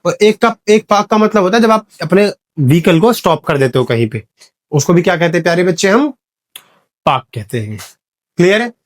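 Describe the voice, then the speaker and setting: A fairly high-voiced man teaching a Hindi-speaking class about English words. He keeps asking the students questions and checking that they follow. He drops into slow, careful English for the example sentences. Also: animated. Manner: calls students "beta", repeats "clear hai?". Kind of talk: classroom lecture.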